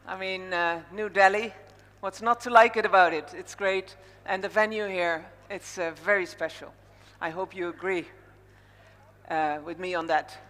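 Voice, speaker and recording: Emceeing the opening of a live conference, this Dutch-accented woman from the Netherlands talks informally in a lowish, somewhat bright voice at ordinary speed. Her words come over the PA from the stage of a large indoor hall, with heavy echo.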